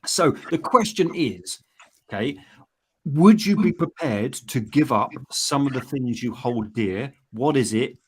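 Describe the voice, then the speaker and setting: A man's voice: mid-range voice, lively intonation, unhurried, fairly bright tone, slightly rough. A man hosting a group challenge in casual chat, putting questions in a chummy, prompting way and repeating his phrases.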